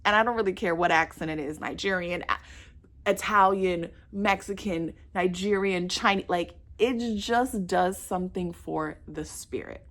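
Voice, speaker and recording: A woman's voice: fairly low pitch, a little slow, a bit bright. A millennial woman from South Florida giving chatty, sassy dating advice straight to her viewers, calling them girl and babe. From South Florida, United States. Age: millennial, 30s. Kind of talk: casual direct-to-camera advice.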